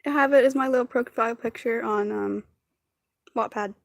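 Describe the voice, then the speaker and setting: A woman with a highish, creaky voice reads fan fiction aloud on a livestream at a moderate pace with fairly even intonation. She giggles often, stumbles over words, and chats with viewers between lines, in a dry recording.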